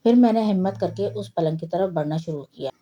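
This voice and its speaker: A woman reading a horror story aloud in a steady, low-key way. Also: muffled recording. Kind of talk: scripted horror story narration.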